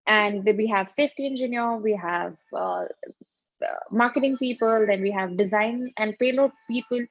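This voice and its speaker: A woman's voice: mid-range voice, dry recording, muffled recording. A woman with an Indian accent giving a company presentation with slides.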